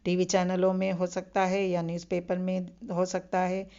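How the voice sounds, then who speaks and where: A woman's voice: lowish voice, completely flat delivery, moderate pace, dark tone, smooth, muffled recording. A woman lecturing on Hindi vocabulary, patiently repeating each term and reminding listeners to remember it. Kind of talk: recorded online lecture.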